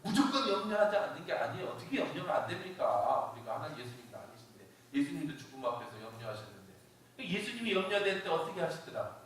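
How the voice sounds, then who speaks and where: A man preaches in a conversational, emphatic way, his voice a little on the high side. He is caught from a distance in a very echoey church hall. A faint hiss sits underneath. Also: very animated, fast talker, fairly bright tone. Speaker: pastor. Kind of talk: sermon.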